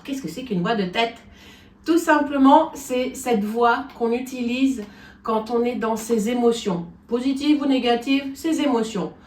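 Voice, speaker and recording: A woman's voice: on the high side, darkish tone, far from the mic, a little hiss or hum. Woman vocal coach in an echoey room. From France. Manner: explains step by step, checks in with "d'accord?". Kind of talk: singing lesson.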